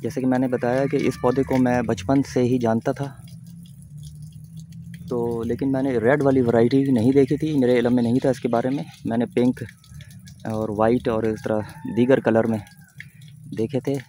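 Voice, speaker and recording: A man with a Pakistani Urdu accent giving an unhurried, explanatory gardening walkthrough in his garden, sometimes spelling words out letter by letter. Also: mid-range voice, level tone, dark tone. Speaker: gardening vlogger. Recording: noisy outdoor recording.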